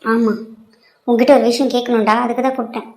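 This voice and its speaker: A woman doing a fierce, high-voiced mother. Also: little pitch movement, fast. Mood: angry. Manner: forceful, accusing. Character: middle-aged mother, fiercely defending her daughter.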